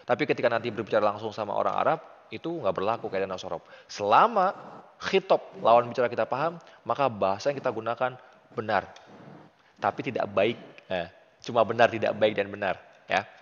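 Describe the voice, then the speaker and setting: A man with an Indonesian accent tutors Arabic in a casual lesson, his lowish voice animated, brisk and fairly bright. As an Arabic teacher he stays patient and encouraging, praising often. The audio is muffled with a long reverb.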